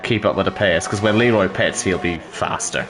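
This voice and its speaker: A man's voice: sits low, moderate pace, background noise. A man commentating sim racing, analysing strategy with dry humour. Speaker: race commentator.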